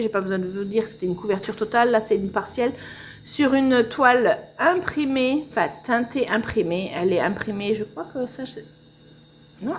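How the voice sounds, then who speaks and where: A woman's voice: fairly high pitch, slight background noise. A woman casually showing her cross-stitch projects at home, talking in a rambling way with many hesitations. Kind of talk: casual show-and-tell chat. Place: home, washing machine spinning nearby.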